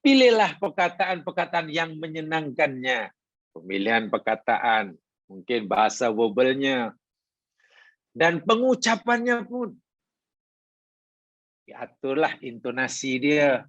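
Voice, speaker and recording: A man giving a hadith lesson as a religious teacher, in a measured, explanatory way with rising emphasis. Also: mid-range voice, expressive, a bit bright, dry recording, highs cut off. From Malaysia.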